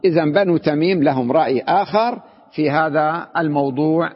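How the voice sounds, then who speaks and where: A man teaches a grammar lesson, his husky voice sitting a little high. He puts questions to the class, answers them himself and repeats words to drive each point home. The recording is dull and lo-fi, with a long reverb from a hall. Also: moderate pace. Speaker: sheikh teaching Arabic grammar.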